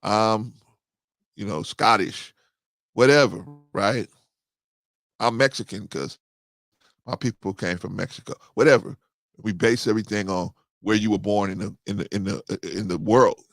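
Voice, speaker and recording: A man's voice: lowish voice, unhurried, vocal fry, long pauses, fairly bright tone, no room sound. A man hosting a casual discussion, talking things through and often checking in with "right?". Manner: conversational, repeats "right?". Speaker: host.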